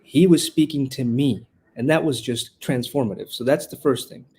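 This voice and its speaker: This podcast guest, a man from Honduras who leads a classical school and teaches rhetoric, has a warm, slightly rough, mid-range voice at a moderate pace. He talks earnestly and with passion, repeatedly restarting phrases.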